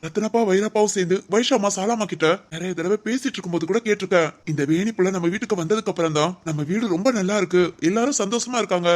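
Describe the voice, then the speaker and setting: A woman's voice: mid-range voice, fast talker, hardly any pauses, darkish tone, close to an everyday voice. A woman voicing a young husband in a family audio drama, teasing and reassuring his wife. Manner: scolding yet affectionate, reassuring.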